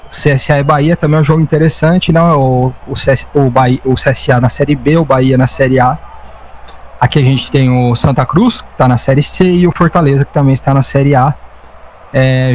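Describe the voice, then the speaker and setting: A man's voice: mid-range voice, steady tone, moderate pace, a little hiss or hum. A man giving live football play-by-play in a conversational way, sometimes stumbling and correcting himself. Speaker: football commentator.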